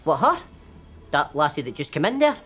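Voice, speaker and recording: Cheeky Scottish lad, swooping pitch. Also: male voice, big pitch swings, normal speed, a bit bright, soft background music. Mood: defensive. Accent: broad Scottish. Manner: cheeky, defensive. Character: cheeky, gormless, defensive Scottish boyfriend. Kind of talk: sitcom dialogue.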